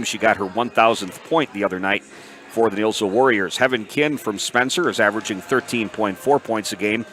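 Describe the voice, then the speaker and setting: A man's voice: lowish voice, a bit bright. A man giving local pregame sports commentary as a broadcast announcer. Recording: faint gym noise behind.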